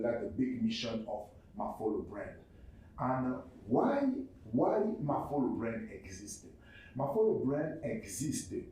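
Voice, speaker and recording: A Cameroonian man whose first language is French presents his non-profit in English with a Cameroonian French accent, speaking haltingly with frequent repeated words and restarts. His medium-pitched voice is mellow with the highs cut off, recorded far from the mic in a very echoey room with faint noise.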